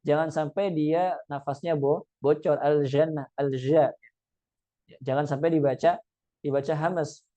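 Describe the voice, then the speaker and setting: Mellow-voiced man teaching recitation. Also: a little high, steady tone, muffled recording. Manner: slow, drawn-out demonstrations of recited words; conversational with frequent "ya" and "nah" fillers. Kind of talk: explanatory lesson, reading Arabic text then explaining.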